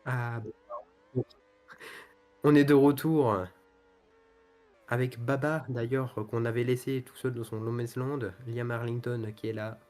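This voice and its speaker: A man's voice: medium pitch, little pitch movement, normal speed, a little mellow. A man commentating on a motor race in a loosely improvised way, often hesitating as he searches for words. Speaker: motorsport commentator and host of a racing league show.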